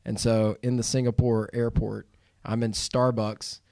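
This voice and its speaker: A man hosting a podcast in a studio, telling stories in a lively, laughing way. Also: mid-range voice, measured pace, gravelly, no room sound. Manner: animated storyteller, laughs while telling. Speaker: podcast host. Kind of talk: casual podcast chat.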